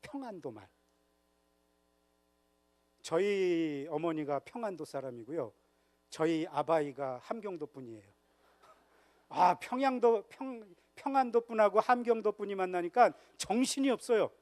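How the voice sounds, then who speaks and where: High-voiced man lecturing with humor. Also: lively intonation, a little slow, long pauses. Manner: jokes and quizzes the audience. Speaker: guest lecturer at a church retreat. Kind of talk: humorous church history lecture. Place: church hall.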